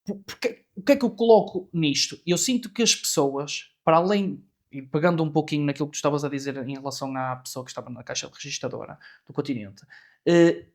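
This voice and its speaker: A man's voice: fairly high pitch, fast. A man in his forties with a European Portuguese accent, hosting a podcast and pressing his points with questions. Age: 40s. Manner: questioning, emphatic. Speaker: podcast host. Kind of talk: casual chat.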